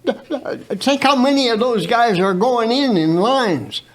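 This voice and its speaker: A very old man of about a hundred telling his own story unscripted as a veteran guest, haltingly, with repeated words and stammered starts. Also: very high voice, lively intonation. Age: very old, around 100.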